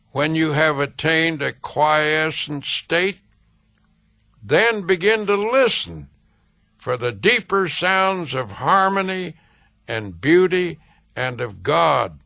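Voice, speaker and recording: A man reading a self-help book aloud as scripted narration, slow, measured and soothing, with deliberate pauses. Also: on the high side, gravelly, sharp tone, dry recording. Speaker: audiobook reader.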